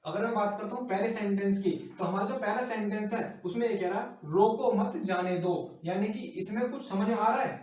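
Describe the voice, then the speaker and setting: A man teaching Hindi grammar for exam prep, explaining slowly and repeating example sentences with stretched emphasis. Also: sits high, steady tone. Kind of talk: classroom lecture for exam prep. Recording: echoey room, voice from a distance.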